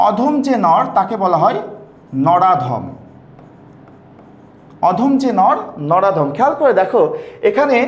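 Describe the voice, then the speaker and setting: A male teacher takes his students through a grammar lesson with a high, animated voice that swings widely in pitch. He keeps asking questions and repeating the key terms. The sound carries a noticeable room echo. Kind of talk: classroom lesson.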